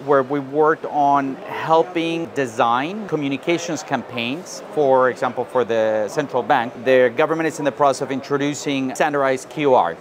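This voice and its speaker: A man from South America giving measured interview answers, often adding "you know" and "right?". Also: mid-range voice. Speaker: interviewee, financial inclusion advisor. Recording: outdoor recording with street noise.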